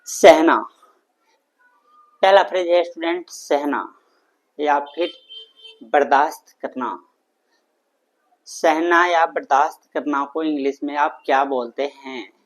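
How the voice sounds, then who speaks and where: A man with an Indian accent teaching English phrases in a live online class, explaining in Hindi and repeating sentences slowly for learners. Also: on the high side, fairly bright tone, poor audio. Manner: slow, drawn-out model sentences repeated for learners. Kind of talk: live online language lesson. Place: home room.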